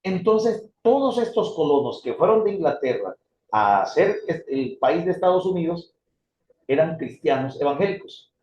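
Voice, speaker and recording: A man's voice: fairly high pitch, normal speed, a little hiss or hum. A man teaching a theology history class, calling his students brothers, his voice rising and falling as he explains. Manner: addresses students as brothers, lively rises and drops. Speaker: theology instructor. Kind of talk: classroom lecture. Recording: echoey room, dull lo-fi sound.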